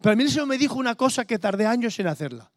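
A middle-aged preacher, his voice sitting high for a man. He preaches in a chatty, anecdotal way and slips into little acted dialogues. The recording is close and dry, with no room sound. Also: sing-song, very fast, no room sound. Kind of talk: sermon.

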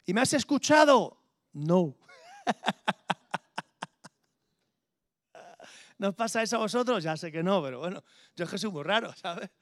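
A man's voice: sits high, unhurried, long pauses, fairly bright tone, dry recording, clean studio sound. A middle-aged man preaching a sermon in a conversational, storytelling way, acting out little dialogues.

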